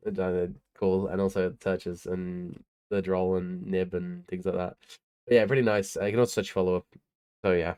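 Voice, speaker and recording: Man, young adult, tired, laid-back rambling delivery, fairly low pitch, smooth resonant tone. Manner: laid-back, rambling, frequent ums and uhs. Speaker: card game player presenting his tournament deck. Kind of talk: casual deck profile talk.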